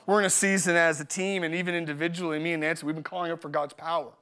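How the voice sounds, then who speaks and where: A man with a high, bright-sounding voice preaches at a live church service. He talks with energy and humor, repeating his main lines so they stick. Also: rapid-fire. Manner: energetic, joking, repeats key phrases. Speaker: pastor. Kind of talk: live sermon with personal stories.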